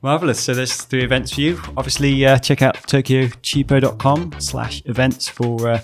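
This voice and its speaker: A man's voice: mid-range voice, steady tone, moderate pace. A man hosting a casual podcast chat, hesitant with many fillers. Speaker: podcast host.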